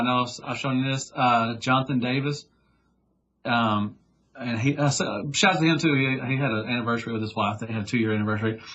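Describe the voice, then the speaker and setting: Husky man on a dull lo-fi mic. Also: medium pitch, fairly bright tone. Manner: enthusiastic, gushing, repeats himself. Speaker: podcast co-host. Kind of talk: casual chat.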